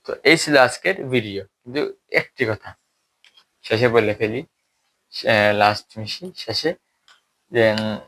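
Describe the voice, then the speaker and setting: A recitation teacher walks his students through the rules one step at a time, often asking whether they follow. His voice is bright and forward, and he sits at a medium pitch. When he models an example, he draws it out slowly. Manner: explains step by step and checks understanding with questions. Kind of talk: explanatory Tajweed lesson.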